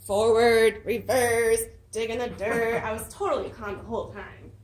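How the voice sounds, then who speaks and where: Woman, higher voice, story speech, roomy hall, distant mic. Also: brisk. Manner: lively storytelling with dramatic emphasis. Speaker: club speaker. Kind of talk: prepared personal story speech. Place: meeting room.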